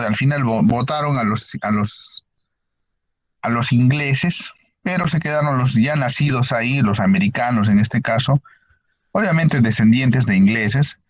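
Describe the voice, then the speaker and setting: A man's voice: mid-range voice, dry recording. Brief: male teacher giving an online lecture, explaining patiently and quizzing the class, with muffled lo-fi audio. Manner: explanatory, asks the class frequent questions.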